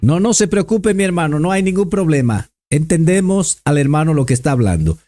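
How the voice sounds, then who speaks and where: Guy hosting a religious show, bit higher voice, courteous, says things twice. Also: expressive, fairly quick, mellow, soft background music. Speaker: host of a religious program.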